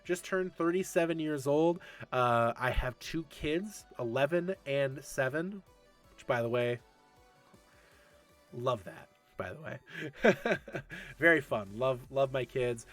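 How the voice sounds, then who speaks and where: Man, late thirties, stream host, relaxed chatty Q&A, medium pitch, faint music underneath. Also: slow pace. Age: 30s. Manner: chatty, answers chat questions, laughs often. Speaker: esports league host. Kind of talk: casual livestream Q&A.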